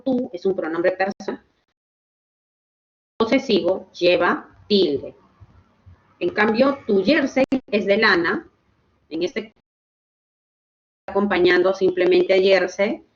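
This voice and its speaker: A woman teaching a grammar lesson online, explaining slowly and checking in with her students. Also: mid-range voice, lo-fi sound. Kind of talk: online class lecture.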